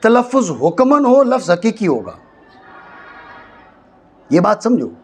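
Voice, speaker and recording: Very animated, with a slightly mellow, breathy edge to his fairly high voice, a Pakistani Arabic grammar teacher lectures in a madrasa classroom. He frequently stops to ask if his students understand, repeating key phrases slowly to press the point.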